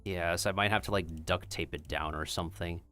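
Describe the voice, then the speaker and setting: A man's voice: deep voice, steady tone, brisk, pushed and bright, soft background music. A man hosting a livestream, chatting casually in a rambling way peppered with filler words. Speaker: streamer and host.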